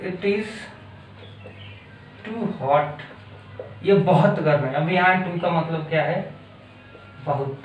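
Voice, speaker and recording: A man with an Indian accent teaches a grammar lesson, speaking very slowly and deliberately and checking in often. His voice sits a little high for a man. The recording is echoey, with a faint hum of background noise. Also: narrow, tinny audio. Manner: slow, deliberate explaining with frequent checks like "okay?". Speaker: English teacher. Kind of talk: classroom-style grammar lesson mixing Hindi and English.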